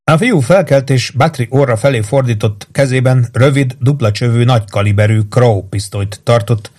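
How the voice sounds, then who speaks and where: A man reading a crime novel aloud as an audiobook narrator, in even scripted narration. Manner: reads steadily, lifting pitch and volume for shouted dialogue.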